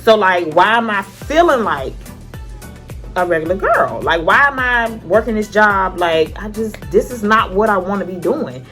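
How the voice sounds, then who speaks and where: A woman vlogger telling a personal story in a chatty way, acting out her own past thoughts with lively asides. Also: mid-range voice, normal speed, faint music behind. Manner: chatty and conversational, many fillers like "like" and "you know". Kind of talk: casual storytelling vlog.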